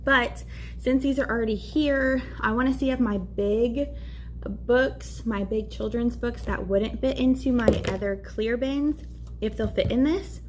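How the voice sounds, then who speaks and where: Young woman, casual classroom vlog, slightly high voice, faint room hiss, chatty with lots of ums. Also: measured pace, a little mellow. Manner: chatty, upbeat, many fillers. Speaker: teacher.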